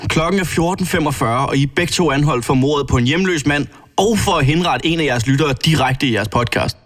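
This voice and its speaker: A man's voice: a little high, fairly bright tone. A man playing a stern male police officer making an arrest, speaking in a firm, official way.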